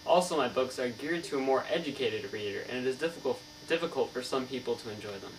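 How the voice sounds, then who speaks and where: A student plays an earnest, learned novelist in a scripted mock interview, explaining things formally as though reciting and occasionally stumbling over words. His mid-range voice is expressive, fast and natural. The mic is distant, and mains hum is clearly audible.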